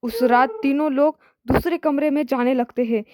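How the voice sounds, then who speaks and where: A woman's voice: sits high, steady tone, normal speed, darkish tone, dry recording, clean studio sound. A woman narrating a horror story in a dramatic reading voice, acting out every character herself.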